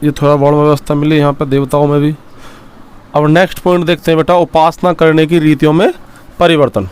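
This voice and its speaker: A man's smooth, clear voice, pitched a little higher than most men's, teaching a history class. He dictates notes in short phrases and repeats each one patiently so his students can write it down, often checking in with them as he goes. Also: level tone, fairly quick. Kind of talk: dictation-style classroom lecture.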